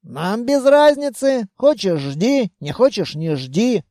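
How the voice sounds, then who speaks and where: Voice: mid-range voice, lively intonation, slow, dark tone, dry recording, clean studio sound, pitched above the performer's own voice. A reader voicing a haughty male elf officer who barks curt orders in a put-on foreign accent, turning v into f, in an audiobook. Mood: dismissive. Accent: put-on foreign accent, v spoken as f. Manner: barked curt commands. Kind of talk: audiobook reading.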